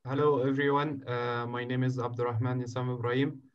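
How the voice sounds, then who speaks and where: A man's voice: medium pitch, flat delivery, a little fast, clear, resonant tone, lo-fi sound. A man from Egypt, a student panelist, introducing himself with hesitations.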